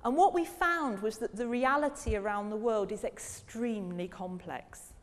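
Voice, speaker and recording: In a lecture hall with long reverb, a woman professor delivers a public talk on language teaching and poses questions to the audience along the way. She speaks at normal speed in a slightly high voice.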